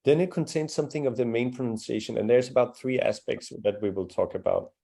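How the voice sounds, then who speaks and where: A man's voice: medium pitch, fast talker, vocal fry, mellow. A man teaching a live beginner language class, patient and encouraging as he explains pronunciation step by step. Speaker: Danish teacher.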